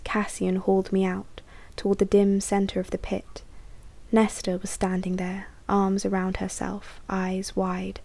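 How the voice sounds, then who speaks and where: A woman reading a novel aloud as an audiobook, often dropping into a soft whisper. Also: medium pitch. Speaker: audiobook reader. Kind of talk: audiobook narration.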